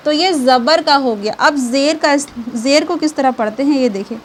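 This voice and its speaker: A young woman with a high voice teaches an online reading lesson. She speaks patiently and keeps checking in with her listeners. She drags each syllable out slowly so every sound is clear, and faint noise sits under her voice.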